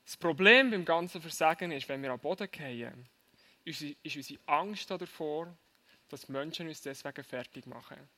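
A man preaching to young people, telling a lively story and asking his listeners direct questions. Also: on the high side, moderate pace.

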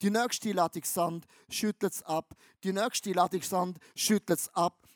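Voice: mid-range voice, fairly even intonation, slow, dry recording, clean studio sound. A preacher giving a sermon, talking emphatically with lots of slang and repeating phrases for effect. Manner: emphatic and repetitive, with slang-laden storytelling.

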